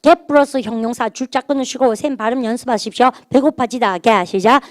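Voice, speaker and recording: A woman's voice: on the high side, brisk, no room sound. A middle-aged woman teacher, giving a recorded grammar lecture and drilling her students with call-and-response prompts. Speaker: English teacher.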